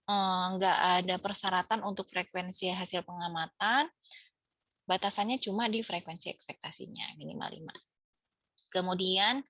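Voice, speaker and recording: A woman with an Indonesian accent teaching a statistics class, explaining step by step, quizzing students and filling pauses with "eh". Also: mid-range voice, fairly bright tone, breathy edge, no echo. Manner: explanatory, asks students questions, many fillers. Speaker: statistics lecturer. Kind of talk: online class lecture.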